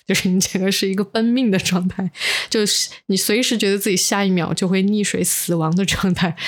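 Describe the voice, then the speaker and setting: A woman co-hosting a podcast while under the weather, telling personal stories casually and mixing English words into her Mandarin. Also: fairly low pitch. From inland China. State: unwell, recording while sick. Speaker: podcast co-host. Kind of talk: casual chat, personal storytelling.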